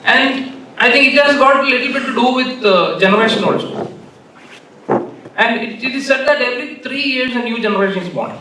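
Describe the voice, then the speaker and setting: Male conference speaker, Malayalam accent, bright high-set voice, halting informal delivery with repeated phrases. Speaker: keynote speaker. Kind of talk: informal conference talk with anecdotes. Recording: echoey hall, distant mic, faint noise.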